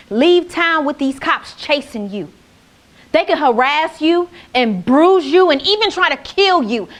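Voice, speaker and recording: A woman's voice: high voice, fairly bright tone, exaggerated voice. A woman playing an intense young woman who speaks with urgency.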